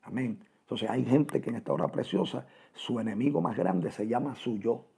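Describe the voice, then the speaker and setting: A man's voice: mid-range voice, lively intonation, moderate pace, warm tone. A man preaching a radio sermon with fervor. He fills his talk with "amén" and "gloria al Señor" and calls his listeners "hermano". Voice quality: gravelly, husky.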